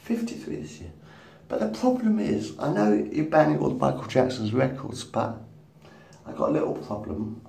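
A man in his fifties, a vlogger, rambles to camera in a casual monologue, swearing and laughing at his own jokes, filmed on a phone held at arm's length in a small room. His voice is on the high side, sing-song, creaky and warm, at a moderate pace. The distant mic picks up a roomy echo and faint background noise.

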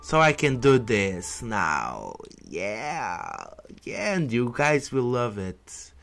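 Slow, rambling gaming commentator. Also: male voice, medium pitch, huge pitch swings, vocal fry, a bit bright. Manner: rambling, many restarts and repetitions, exclaims at the game. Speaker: gameplay commentator. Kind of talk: casual let's-play commentary, reading on-screen text aloud. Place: indoors at his computer. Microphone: headset. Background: game music.

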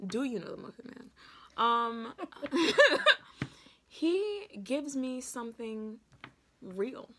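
A woman vlogger chats and eats with her sister, giggling often and dropping slang. Her pitch swoops widely and her tone is bright and forward. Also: expressive, drawn-out words, long pauses, slight background noise. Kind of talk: casual chat during a mukbang.

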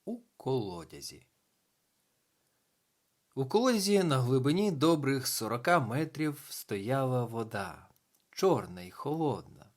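A man reading a children's bedtime story aloud in an expressive way, dropping to a hush at times. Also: medium pitch, measured pace. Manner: expressive, hushed in places. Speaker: audiobook narrator.

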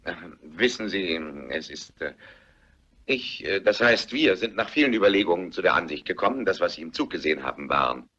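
Flustered police inspector, low husky voice, lively intonation, placating, official, vintage dub. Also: male voice, brisk, full character voice. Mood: awkward, placating. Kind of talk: vintage German film dub acting. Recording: dull vintage film soundtrack.

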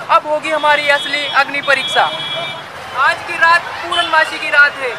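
A young man narrating a mock-serious survival-show spoof as he walks through an outdoor street market. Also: extremely high pitch. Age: young adult. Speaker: comedy vlogger.

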